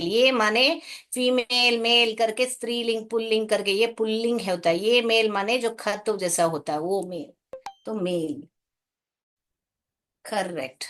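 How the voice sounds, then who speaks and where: A woman teacher running an online English class in Hindi, patiently repeating each word slowly so students catch the pronunciation. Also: medium pitch, a bit bright. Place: home setup, screen-sharing online class.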